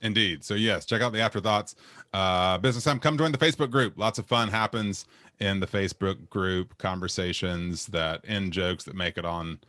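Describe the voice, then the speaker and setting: A man's voice: low voice, moderate pace, sharp tone, no echo, clean studio sound. A man co-hosting a podcast in casual, joking chat, laughing often. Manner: jokey, laughs a lot. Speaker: podcast co-host.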